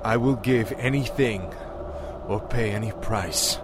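An actor playing a proud, vengeful young warrior prince in a fantasy video game, commanding and intense. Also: male voice, fairly low pitch, unhurried, background noise, natural voice. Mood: grim resolve. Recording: music behind the voice.

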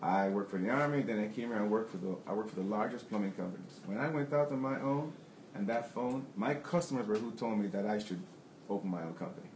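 Brief: candid male business owner, rambling restarts, deep-ish, faint room noise. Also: fast, a little mellow, echoey room, low-quality recording. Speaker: plumbing business owner on a panel. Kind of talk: answering audience questions.

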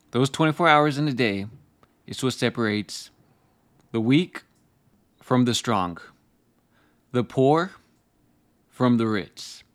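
A man delivering a motivational speech as a speaker, blunt and forceful, hammering out short emphatic phrases. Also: mid-range voice, dry recording.

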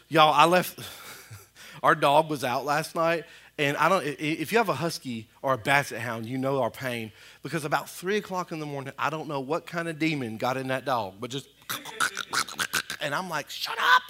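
Pastor in his thirties, bright, slightly high voice, chatty energetic preaching to a congregation. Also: moderate pace. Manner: conversational, energetic preaching with audience asides. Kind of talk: sermon. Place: church sanctuary.

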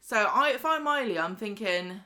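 A woman's voice: medium pitch, expressive, sharp tone. A woman co-hosting a podcast, chatting casually about a soap opera and acting out the characters' lines. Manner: chatty, acts out characters' lines in quick voices. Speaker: podcast co-host. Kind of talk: casual chat recapping a soap.

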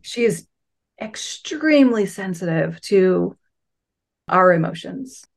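A woman's voice: lowish voice, expressive, slow pace, gravelly. A woman chatting in an enthusiastic, affectionate way and asking for advice. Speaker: guest asking questions. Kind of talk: casual chat.

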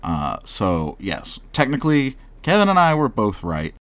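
Deep-voiced guy rambling on a podcast, gets worked up and swears now and then. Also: a little slow. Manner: rambling, animated, swears casually. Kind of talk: casual fan discussion.

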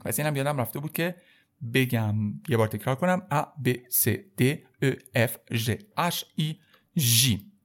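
A man teaching the French alphabet in a casual spoken lesson, addressing his viewers warmly as kids and repeating each sound slowly. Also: medium pitch.

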